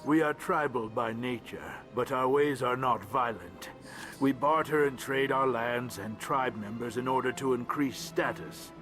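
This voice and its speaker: A man's voice: mid-range voice, unhurried, a bit bright, close to an everyday voice. A man playing a small alien diplomat in a video game, formal and dismissive. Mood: condescending. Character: small, condescending alien diplomat, trader by nature. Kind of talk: video game character dialogue. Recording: game music over the voice.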